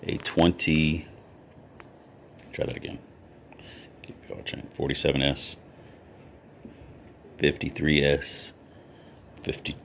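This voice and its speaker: An easygoing man with an extremely low, deep voice talks his way through a hobby vlog. He reads off dates in an unhurried, offhand way, as if talking to viewers at his table. Faint ambient noise sits behind him. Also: little pitch movement. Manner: easygoing, talks while sorting, lists coin dates. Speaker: coin collector vlogger. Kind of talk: casual hobby vlog commentary.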